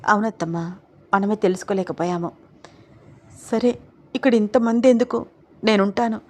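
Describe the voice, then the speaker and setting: A woman's voice: medium pitch, steady tone, moderate pace, natural voice. A woman voicing a caring but firm sister-in-law in a read-aloud audio story.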